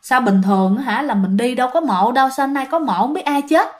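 A woman tells a ghost story in a casual, chatty way. She speaks straight to her listeners, and her voice sits slightly high. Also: fast. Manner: chatty, addresses listeners directly.

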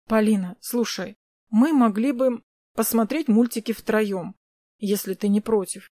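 A woman's voice: a little high, measured pace, mellow, dry recording. A woman reading an audiobook, voicing a caring young man who is an older brother, staying close to her own voice. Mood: friendly.

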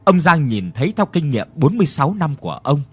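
A man's voice: on the high side, fast, husky. A man telling a scripted ghost story and reading every role with expression. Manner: expressive reading of all roles.

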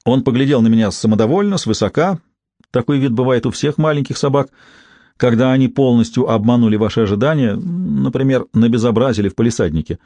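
A man's voice: mid-range voice, expressive, a little fast, mellow, no echo. A man narrating a first-person audiobook in a dry, ironic storytelling manner.

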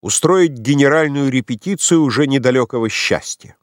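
A man narrating a literary audiobook in a measured, expressive reading. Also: medium pitch, no echo, clean studio sound. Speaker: audiobook reader.

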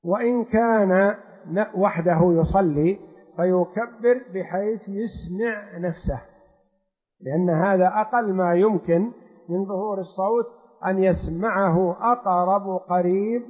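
Husky high-voiced sheikh teaching. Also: male voice. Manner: explanatory, repeats examples slowly. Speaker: sheikh teaching a fiqh text. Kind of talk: lecture explaining a religious text. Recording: tinny phone-like lecture hall recording with long reverb.

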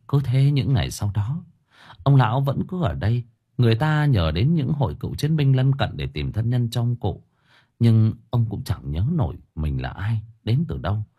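A man reading a story aloud as an audiobook narrator in expressive, scripted narration. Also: on the low side, slightly rough.

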